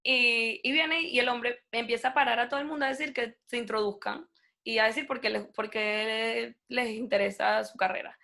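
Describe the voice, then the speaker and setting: A young native Spanish speaker guests on an interview, telling a story in a lively, casual way and voicing the people in it. Her pitch is fairly high, with a creaky edge.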